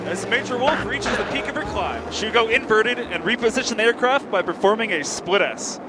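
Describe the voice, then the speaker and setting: A man delivering scripted air show commentary in a dramatic, measured showman style. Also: high voice, animated. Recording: loud music and engine noise behind. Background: loud music, vehicle sounds.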